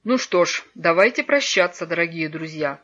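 Woman reading kind old wizard grandpa, gentle and solemn, storybook, muffled lo-fi sound. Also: lowish voice, animated, moderate pace. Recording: dull lo-fi recording.

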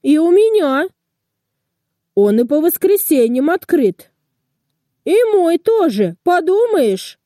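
A woman voicing a touchy, competitive railway station in a children's storybook, pitched up and dismissive. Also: big pitch swings, slow, pauses often, dark tone, dry recording, studio quality, exaggerated voice. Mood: huffy.

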